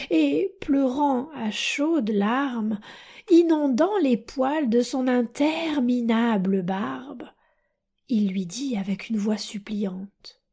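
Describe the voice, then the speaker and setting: A woman reads a children's storybook aloud in an unhurried voice. Her tone is mellow and breathy, with a soft, hushed delivery and a slightly raised pitch. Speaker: narrator. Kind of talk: storybook narration.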